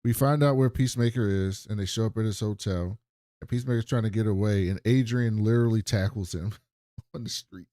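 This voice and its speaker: A man's voice: fairly low pitch, brisk, mellow, no echo, clean studio sound. A man co-hosting a podcast, recapping scenes in casual chat and often laughing as he talks. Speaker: podcast co-host.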